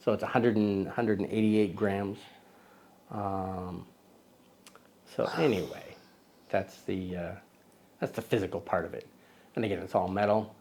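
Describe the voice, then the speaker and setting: A man's voice: low-pitched, steady tone, unhurried, pauses often, a little mellow. A man hosting a casual lens review vlog, rambling and correcting himself with joking asides, recorded outdoors. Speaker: host of a camera lens video.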